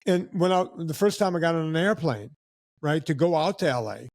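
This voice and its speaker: A man tells stories on a podcast in a fairly high voice and acts out the people in them as he goes. The sound is dry and close, with no room echo. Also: fairly quick. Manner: animated anecdotes with acted-out quotes of other people. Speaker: podcast guest. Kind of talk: casual storytelling.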